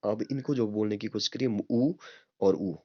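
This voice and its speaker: A young male teacher with a fairly low voice walks through a grammar lesson step by step. He checks in with his listeners again and again and sounds out vowels to show them. The recording is dry and a little dull, made close to a desk microphone. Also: fairly even intonation, fast, dry recording. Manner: explains step by step, often repeats "ठीक है" and demonstrates sounds. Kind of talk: online Hindi grammar lesson.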